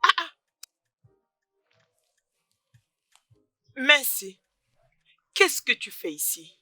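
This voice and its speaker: A woman dubbing a fiery, pregnant young village woman who talks in a defiant, loud and combative way. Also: high voice, big pitch swings, takes it slowly, dry recording, heavily acted. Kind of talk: dubbed film acting.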